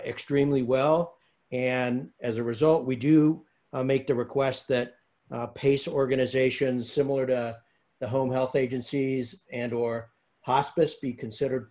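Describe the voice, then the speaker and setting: A man giving a public comment at an online meeting, halting and full of fillers. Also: mid-range voice, dark tone. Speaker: public commenter for a care program.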